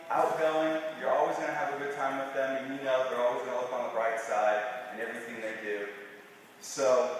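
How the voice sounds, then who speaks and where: Young male, rambling best man speech, halting and informal; heavily reverberant room, faint noise. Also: mid-range voice, fairly bright tone. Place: reverberant wedding reception room. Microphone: distant microphone in the room. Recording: very echoey hall, distant mic, faint noise.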